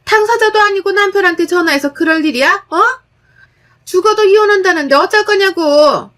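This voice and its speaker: A bossy older mother-in-law, put on by a woman narrator, scolds in a high, piercing voice. She accuses and demands at full volume. Heard in a spoken drama story. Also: normal speed. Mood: scolding. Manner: berating, loud, accusing.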